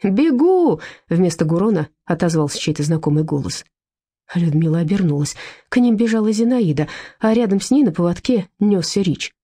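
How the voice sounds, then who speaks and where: A woman narrating an audiobook in an expressive, animated storytelling manner. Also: on the low side, brisk, slightly rough, no room sound. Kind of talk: scripted narration.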